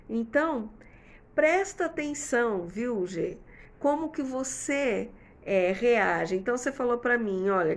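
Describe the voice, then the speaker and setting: Chatty woman in her fifties, gravelly. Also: fairly high pitch. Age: 50s. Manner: chatty, frequent "né?" tag questions, explaining with examples. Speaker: host answering viewer comments. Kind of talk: casual advice talk to viewers.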